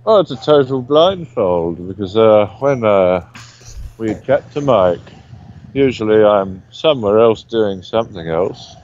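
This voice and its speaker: Low, muffled man on a remote call. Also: lively intonation, measured pace, a little mellow. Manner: wry, dry humour, says mate. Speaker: remote guest analyst. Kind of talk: casual conversational commentary. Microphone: remote call line.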